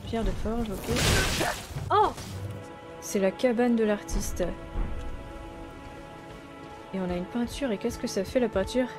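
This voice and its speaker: A woman's voice: fairly high pitch, slow, long pauses. A woman streamer giving casual let's play commentary, chatty and exclaiming often as she talks to her viewers and to the characters on screen. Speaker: gaming streamer. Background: game music.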